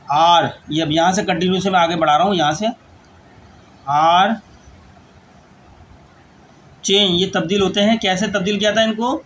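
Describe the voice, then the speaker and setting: A man teaching English grammar, dictating rules slowly word by word as he writes them out. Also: high voice, fairly bright tone, slight background noise, low-quality recording. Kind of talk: lecture explaining grammar rules.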